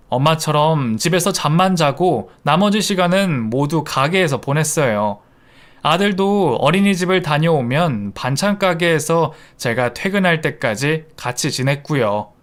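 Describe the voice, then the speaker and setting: A man reading a first-person story aloud in a steady, confiding storytelling manner. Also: a little high. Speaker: narrator.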